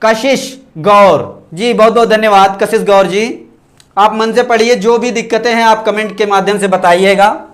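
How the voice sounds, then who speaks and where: A man with a very high voice takes an online class through Sanskrit sounds, saying each letter aloud. He asks a question, pauses, and answers it himself, and stops to thank viewers for their comments. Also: steady tone. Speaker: Sanskrit teacher. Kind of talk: online exam-prep lesson.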